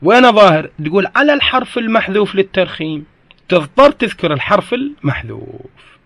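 High-voiced man teaching Arabic grammar. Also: sing-song, fairly quick, vocal fry, fairly bright tone, no echo. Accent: Iraqi Arabic. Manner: explains step by step, often checks if students follow. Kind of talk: classroom lesson explaining a grammar text.

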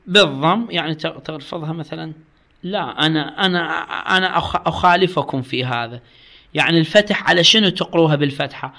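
A man with an Iraqi Arabic accent teaching a religious law lesson, reading the text slowly and then explaining it and quizzing his students. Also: a little high, sharp tone.

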